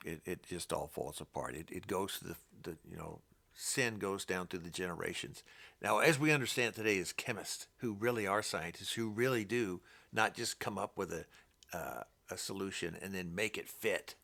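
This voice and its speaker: A man reading the Bible aloud and commenting on it, talking in a halting, rambling way with many restarts. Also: low voice, creaky, pushed and bright. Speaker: Bible teacher.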